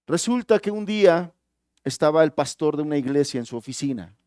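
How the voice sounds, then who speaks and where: A man's voice: on the high side, expressive, fairly quick, a little mellow, smooth, no echo, clean studio sound. A male pastor with a Mexican Spanish accent preaching a sermon in a conversational, storytelling way. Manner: conversational storytelling, many restarts.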